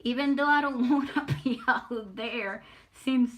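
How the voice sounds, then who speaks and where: Drawing during a live stream, an older woman from Puerto Rico talks casually with viewers in a voice that's on the high side and fairly bright. Her accent mixes Puerto Rican Spanish and Southern US, and she comes across as nervous, stopping and repeating words.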